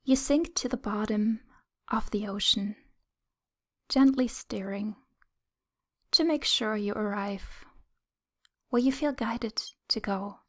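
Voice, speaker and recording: A woman with a mid-range voice guides a meditation in a soothing, gentle, breathy whisper, using short phrases separated by long pauses.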